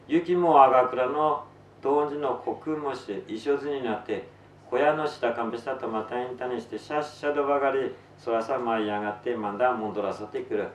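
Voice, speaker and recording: A man reading his own fiction aloud in Tsugaru dialect to an audience, in an unhurried, measured storytelling manner. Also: medium pitch, a little hiss or hum. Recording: roomy, distant mic, faint ambience.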